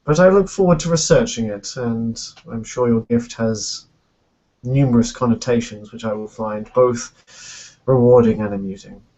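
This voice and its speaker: Brief: man doing an aloof vampire prince, measured and courtly, mid-pitched, dull lo-fi sound. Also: dark tone, lightly acted. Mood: formal. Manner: formal, measured, polite. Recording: muffled lo-fi.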